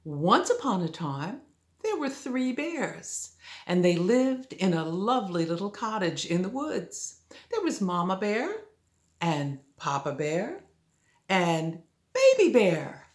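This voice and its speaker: An older woman with a sweet old lady manner tells a children's story as a grandmother, gently coaxing the listener with little questions. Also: mid-range voice, very animated, slow. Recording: roomy, echoey home recording.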